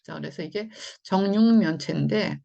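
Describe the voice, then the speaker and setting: A woman teaching English phonics in an online lesson, explaining patiently and slowly with many fillers. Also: fairly low pitch, gravelly, dark tone, muffled recording.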